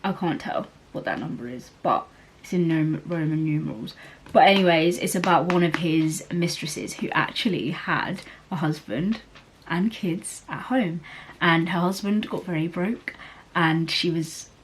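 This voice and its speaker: A woman's voice: on the low side, a little slow, slight background noise. A young woman chatting casually about books as a vlogger, rambling along with lots of fillers and laughs. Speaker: book vlogger. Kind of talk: casual chat.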